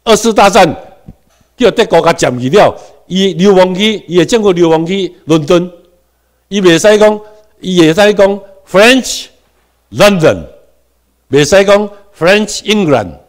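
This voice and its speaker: A middle-aged Taiwanese man giving a classroom lecture, with quiet asides and sudden loud stressed words, having the class repeat terms after him. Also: high voice, animated, a little slow.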